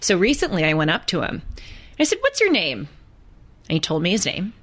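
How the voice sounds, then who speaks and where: A woman co-hosting a podcast, telling a story in an earnest, halting way. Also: on the low side, huge pitch swings, fairly bright tone. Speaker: podcast co-host. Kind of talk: casual podcast conversation.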